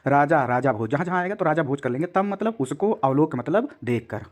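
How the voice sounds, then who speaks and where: A man's voice: on the high side, animated, moderate pace. A man teaching a class, going word by word and repeating each meaning, calling his students "beta". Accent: Hindi. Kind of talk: classroom lesson.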